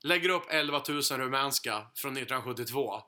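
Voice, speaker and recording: Bright-voiced Swedish man telling a story. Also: mid-range voice. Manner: profane, animated anecdote teller. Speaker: podcast co-host. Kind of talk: casual storytelling chat.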